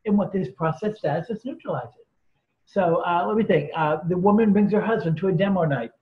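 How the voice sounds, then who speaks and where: A man's voice: high-pitched, a little fast. A man guest in an interview, telling earnest, emphatic stories and acting out the people in them. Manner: earnest, emphatic storyteller quoting others. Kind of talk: storytelling in an interview. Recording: roomy, dull lo-fi sound.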